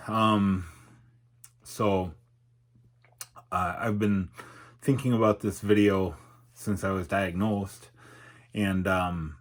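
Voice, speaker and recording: A man's voice: sits low, fairly even intonation. A middle-aged man speaking candidly and hesitantly in an unscripted personal vlog, his articulation slightly altered by a numb face. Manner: halting, reflective, hesitant. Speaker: YouTuber and podcaster.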